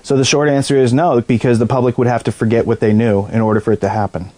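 A man's voice: medium pitch, little pitch movement, fast, mellow, soft background music. A man giving long, earnest interview answers as a whistleblower, often restarting mid-sentence. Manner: long run-on explanations with repeated restarts.

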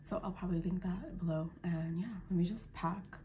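Talking a little fast in a warm, low voice, a twenty-something woman chats into a phone camera held close in her bedroom at night. She sounds stuffed up from being sick, says "like" a lot, and now and then whispers, with slight background noise.

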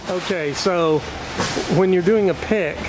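Guy behind the camera asking quick questions, a bit high, heavy warehouse noise. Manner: short, simple questions. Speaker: interviewer. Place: large warehouse floor, indoors. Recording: noisy warehouse, distant voice.

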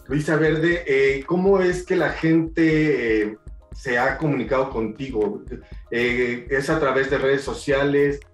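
A man's voice: mid-range voice, takes it slowly, soft background music. A man asking interview questions, hesitant and full of fillers. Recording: roomy, distant mic.

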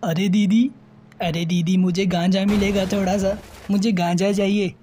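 A man voicing a small-time male gangster in a mobile game who begs and then threatens, with a slow, whiny delivery. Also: high-pitched, level tone, warm tone, a little hiss or hum, close to an everyday voice. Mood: pleading.

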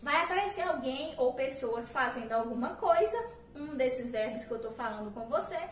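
A Brazilian woman teaching English teachers in a casual video lesson. She chats as she explains, tosses in English words and often checks in with quick tag questions. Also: high voice, lively intonation, roomy sound, distant mic, a little hiss or hum.

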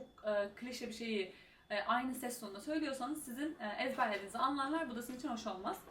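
A young woman giving casual exam-speaking tips as a tutor, talking fast and chatty with many fillers. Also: fairly high pitch, fairly bright tone. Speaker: IELTS tutor and YouTuber. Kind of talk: casual advice vlog. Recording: roomy echo, mic at a distance, faint room noise.

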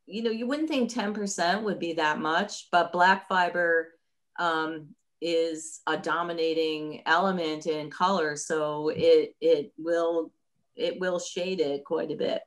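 A woman running a yarn business, explaining things in a casual chat over a video call, slow and thoughtful, with many pauses and restarts. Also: deep voice. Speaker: yarn company owner hosting a subscription chat.

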